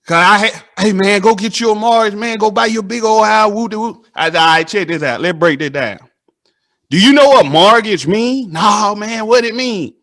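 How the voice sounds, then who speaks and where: A man, hosting a casual interview and telling animated stories that act out the dialogue. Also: high-pitched, normal speed. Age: 30s. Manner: animated storytelling, acts out dialogue.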